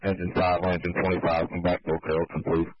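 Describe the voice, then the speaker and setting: A man with a fairly deep voice coordinates fire units by radio. He talks rapidly. The channel is muffled and dry. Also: monotone, slight background noise. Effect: two-way radio. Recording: dull lo-fi two-way radio.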